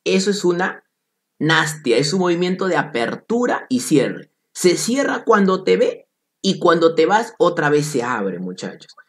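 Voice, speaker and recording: A man's voice: fairly high pitch, big pitch swings, measured pace. A man teaching an exam-prep biology class in Peruvian Spanish, playful and repeating key points while calling on students.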